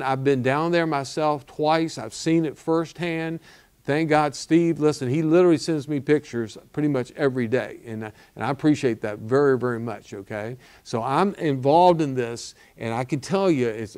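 An older male pastor with a fairly high, slightly mellow voice makes an earnest appeal for donations, ending lines with "okay?" and "all right?" He is filmed on a studio set with a wooden wall backdrop.

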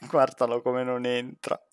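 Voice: mid-range voice, completely flat delivery, slow, clear, resonant tone, no room sound, studio quality. A streamer giving casual, jokey commentary while playing a horror game with a friend, laughing often. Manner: chatty, laughs often, jokey banter with a teammate.

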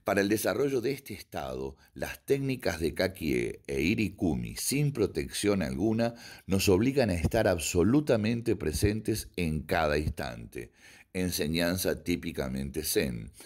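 Deep-voiced man reading martial arts notes. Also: darkish tone. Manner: measured, deliberate reading with occasional slips and self-corrections. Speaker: karate instructor. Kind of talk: reading a written text aloud.

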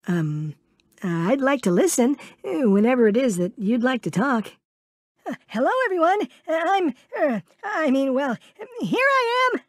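A man's voice: very high voice, big pitch swings, a little slow, dry recording, clean studio sound, heavily acted. A man voicing a small, anxious, kindly piglet for a cartoon video game, stammering politely and hesitantly as he goes. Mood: nervous.

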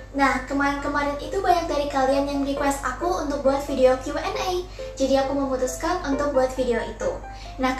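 A teenage girl from Central Java, Indonesia, chatting to her viewers in a friendly Q&A while she journals. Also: high voice. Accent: Central Javanese Indonesian. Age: teens. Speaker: journaling YouTuber. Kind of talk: casual Q&A voice-over while journaling. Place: bright room with shelves of stationery. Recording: voice over background music.

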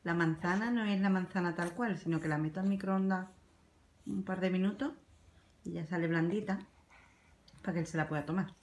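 A woman's voice: on the low side, brisk, pauses often. A young woman filming a home family vlog, coaxing and cooing to her baby son between asides to the camera. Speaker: mother and family vlogger.

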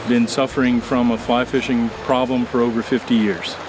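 Older man explaining, measured and unhurried. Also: mid-range voice, flat delivery, over music, poor audio. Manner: measured, explanatory, with many "uh" fillers. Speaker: entomologist and fly fishing instructor. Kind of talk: interview answers. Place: outdoors by a stream.

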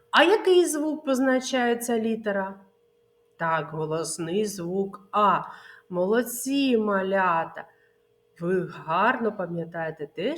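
A woman kindergarten teacher giving a slow, coaxing early literacy lesson to young children. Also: on the high side. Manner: slow, sing-song, coaxing teacher talk. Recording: echoey room with faint noise.

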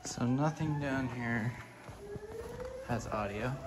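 Slow casual speaker amid very loud noise. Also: medium pitch. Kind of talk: casual chat while checking alarms. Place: indoor hallways and stairwells of large building. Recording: very loud background alarm noise.

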